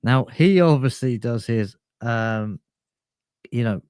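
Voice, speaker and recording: Podcast host, male, mellow, dry close sound, rambling boastful ironic banter. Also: mid-range voice, expressive, takes it slowly, clear, resonant tone, no echo. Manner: rambling, boastful, filler-heavy.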